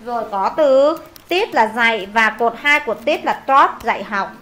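A woman's voice: fairly high pitch, animated, moderate pace, a bit bright, a little hiss or hum. A Vietnamese woman teaching an English lesson in a classroom, reading lines aloud, translating them and drilling vocabulary with repetition.

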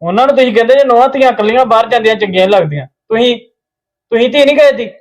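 A man plays a resentful young husband confronting his sister in a web family drama. He speaks in a very high voice for a man and is accusing and bitter throughout. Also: very fast, poor audio.

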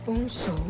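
A woman with a Brazilian accent voicing a gleeful, mischievous female cartoon troublemaker who loves chaos, sly and gloating. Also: high voice. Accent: Brazilian Portuguese. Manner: sly, gloating, drawn-out delivery. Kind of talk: animated cartoon dubbing. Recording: music behind the voice.

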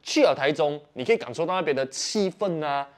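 A young Malaysian man with a Malaysian Mandarin accent, telling a casual story, animated and often asking "you know?". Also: a little high, brisk. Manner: animated, peppered with "OK" and "你懂吗". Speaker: vlogger.

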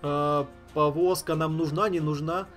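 Higher-voiced man doing casual game commentary. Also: fairly even intonation, unhurried, fairly bright tone. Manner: slangy, thinking aloud, repeats himself. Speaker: gaming streamer. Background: game music.

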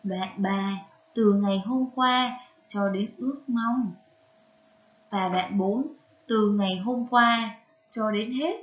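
A woman with a Vietnamese accent teaching a reading lesson to young children, spelling out syllables carefully and prompting them gently. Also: medium pitch, slow pace, pauses often, highs cut off. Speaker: primary school teacher.

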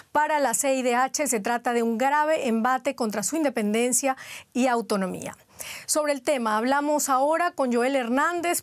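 A woman news host with a crisp, formal presenter's delivery. Her voice sits slightly high for a woman. The studio sound is close and dry, with no room echo. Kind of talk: scripted news interview.

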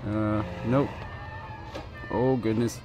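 A man's voice: fairly low pitch, flat delivery, very slow, over music. A man giving live commentary while playing a driving game, nervous and pleading as he keeps urging the car on. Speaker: gaming video creator.

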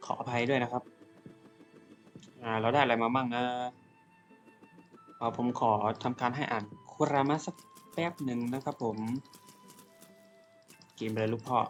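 Young man excitedly commentating gameplay. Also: mid-range voice, unhurried, long pauses. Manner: excitable, shouts attack names and hums along during fights. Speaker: gamer commentating his own play. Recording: game music behind the voice.

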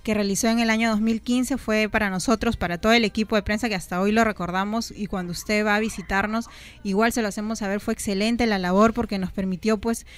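A woman's voice: medium pitch, steady tone, fast talker, clean tone. A woman co-hosting a radio show with a Peruvian accent, chatting and reading news with frequent "¿no?" fillers. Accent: Peruvian Spanish. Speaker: radio co-host.

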